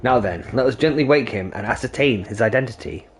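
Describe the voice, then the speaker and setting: A man voicing a pompous, self-important gentleman inspector from a video game, speaking in a florid, theatrical way. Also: mid-range voice, fairly quick, lightly acted.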